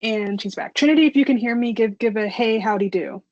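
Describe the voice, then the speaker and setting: A woman's voice: fairly high pitch, brisk, no room sound. Upbeat woman host on a call, friendly and talky, dry muffled sound. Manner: cheerful, encouraging, chatty. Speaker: webinar host. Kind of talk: upbeat moderating. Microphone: video call. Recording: dry dull call audio.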